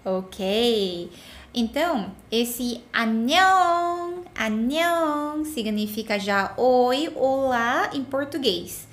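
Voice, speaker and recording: A woman's voice: on the high side, animated, takes it slowly, a bit bright. A woman giving a casual language lesson as a Korean teacher, patiently repeating words for the learner to echo.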